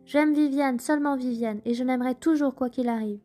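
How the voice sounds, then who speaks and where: A woman's voice: high-pitched, a little fast, mellow, faint music behind, lightly acted. A woman voicing a young shepherd who firmly refuses a fairy in a storybook tale. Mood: defiant. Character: young shepherd in love, stubbornly loyal.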